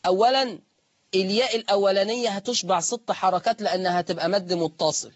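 High-voiced Egyptian man teaching Quran recitation. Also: steady tone, no echo, muffled recording. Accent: Egyptian Arabic. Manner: explains step by step in colloquial speech, chants recitation examples slowly. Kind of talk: lesson on the reading of Warsh.

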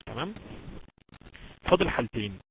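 A man with an Egyptian Arabic accent teaching Quran recitation rules in an online lesson, drilling points patiently and stretching out example words slowly. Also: medium pitch, very animated, vocal fry, breathy edge. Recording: tinny phone-like line with background noise.

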